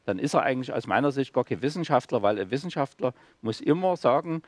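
A man's voice: medium pitch, lively intonation, quick pace, no echo. A man who sits on a local council, talking as a guest on a talk show in a hesitant, explanatory way with many fillers. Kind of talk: casual talk-show conversation.

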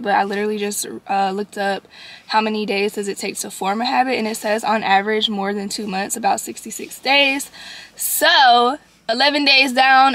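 A sleepy working mom, just out of bed, chats casually to her vlog viewers in a medium-pitched, slightly bright voice, repeating phrases for emphasis. The room is echoey with faint background noise.

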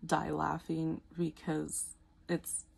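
A woman vlogger talking quietly late at night, rambling with lots of fillers. Her voice is low and husky, with heavy vocal fry. She keeps things casual and close to the mic. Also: completely flat delivery, drawn-out words. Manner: talks quietly, rambling with frequent laughter.

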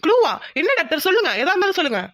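This is a determined male police inspector in an animated crime story. He questions people firmly and keeps insisting on answers. The voice sits high and sounds close and dry. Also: very fast, dry recording, heavily acted. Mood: urgent. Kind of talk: cartoon voice acting.

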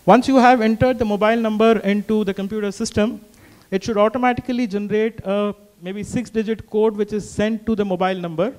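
A man in his fifties speaking on a stage panel into a handheld mic, explaining step by step in a measured way. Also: sits high, steady tone, darkish tone. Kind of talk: panel discussion.

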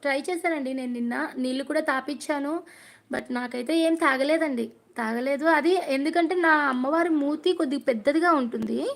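A woman's voice: high voice, moderate pace, vocal fry. A young woman hosting a devotional livestream from home on her phone, chatting casually, telling stories and reading viewer comments aloud. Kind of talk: casual live chat with viewers. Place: home prayer room.

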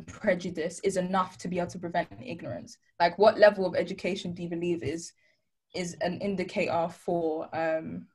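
A woman's voice: lowish voice, a little mellow, slightly rough. A young woman student asking a hesitant, roundabout question in an online debate over a video call. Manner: hesitant, restarts often, many ums.

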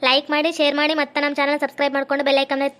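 A woman host, chatting briskly in a comic village skit and signing off to viewers. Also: high-pitched, completely flat delivery, fairly bright tone.

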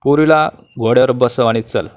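A man voicing a fierce, hot-tempered male outlaw who gives slow, threatening commands. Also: mid-range voice, no room sound, clean studio sound, natural voice. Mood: menacing.

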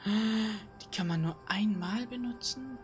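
Soft music plays behind a woman with a mid-range voice who takes her time narrating her own gameplay. She's a let's play host at a desk microphone in her room at night, chatty and self-deprecating, with lots of fillers as she thinks out loud.

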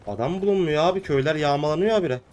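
Hoarse sick guy doing a let's play, kinda high voice, keeps ranting and cussing at the game. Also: very fast, a little mellow, a little hiss or hum. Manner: ranting and cursing at the game, frequent outbursts. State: hoarse from illness. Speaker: gaming video host.

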